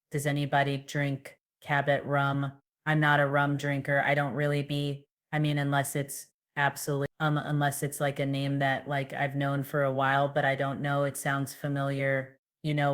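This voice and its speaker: A woman giving casual, sarcastic gossip commentary and reading news quotes aloud. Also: rumbling low. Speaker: commentary vlogger.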